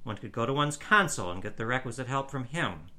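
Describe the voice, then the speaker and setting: A man reading a story aloud, voicing a stranded young man who pleads his case in a hurried, eager way. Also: mid-range voice, animated, pushed and bright. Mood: pleading.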